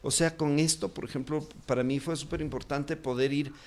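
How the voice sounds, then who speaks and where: A man's voice: on the high side, steady tone, brisk, a little mellow. Rambling Quito-accented man. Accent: Quito Ecuadorian Spanish. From Ecuador. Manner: rambling, many fillers and restarts. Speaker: actor, interview guest. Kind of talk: casual interview talk.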